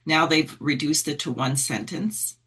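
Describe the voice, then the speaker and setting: Amid crowd noise, a middle-aged woman with a deep voice talks earnestly about politics in conversation, speaking a little slowly. She thinks aloud and uses fillers as she makes her case.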